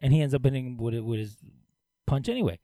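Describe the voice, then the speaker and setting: A man's voice: mid-range voice, quick pace, dry recording. Joking man chatting about wrestling. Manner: animated, joking, talks over his partner. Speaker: podcast co-host. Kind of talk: casual wrestling chat.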